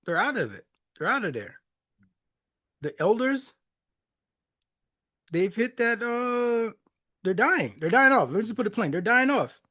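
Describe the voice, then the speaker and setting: This music reaction podcast host is a man in his forties, born in Haiti and brought up in the United States. His voice sits high, pushed and bright, very animated yet unhurried, with frequent pauses. Reflective and casual, he laughs a lot and keeps things loose, full of fillers and restarts.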